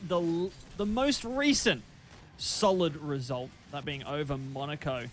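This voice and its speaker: Guy casting esports, pretty high voice, jumps in fast and restarts a lot, faint venue hum behind. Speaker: esports caster. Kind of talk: esports play-by-play commentary.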